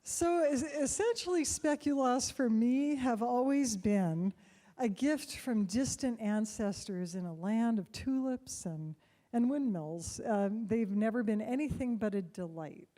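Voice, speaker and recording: Before an audience, a middle-aged American woman speaks into a stage microphone, telling a personal story in an unhurried, conversational style with soft laughs here and there. Her voice is mellow and dark-toned yet fairly high in pitch.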